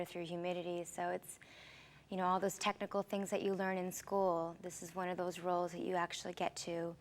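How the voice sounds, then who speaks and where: A young woman, a musical theater actress, answering interview questions in a friendly, chatty way, with many fillers and restarts. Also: lowish voice. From Philippines, raised in Seattle. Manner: friendly, chatty, with frequent fillers and repeated starts.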